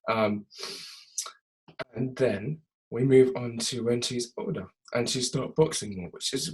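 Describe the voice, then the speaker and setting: A young man casually recapping a TV episode, chatty and animated, laughing often. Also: mid-range voice. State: tired.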